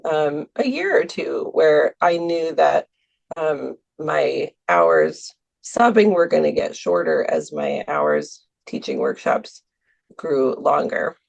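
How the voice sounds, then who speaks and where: A woman's voice: low voice, sing-song, slow, gravelly, a little mellow, muffled recording. A woman guest on a podcast, talking casually about teaching art, hesitating with many ums and small laughs. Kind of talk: casual interview talk. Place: Milwaukee, US.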